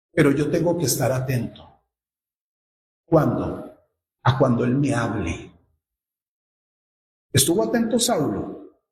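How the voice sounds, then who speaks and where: A male pastor delivers a sermon in a church, his voice sitting high for a man. He speaks unhurriedly and keeps asking his listeners questions, while the hall around him rings with echo. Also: darkish tone, slight background noise. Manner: asks the congregation rhetorical questions. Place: church sanctuary. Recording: echoey church room.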